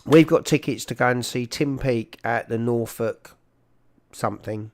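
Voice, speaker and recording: A man's voice: medium pitch, measured pace. A man with a South London accent hosting a livestream in casual, matey chat, speaking into a large close microphone. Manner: informal and matey, calling people "mate". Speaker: livestream host.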